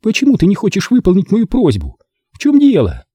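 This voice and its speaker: A man voicing a sharp-tongued young woman in an audiobook, high and strained in manner. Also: huge pitch swings, a little fast, husky, no room sound, studio quality, heavily acted. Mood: pleading. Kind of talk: audiobook character voice.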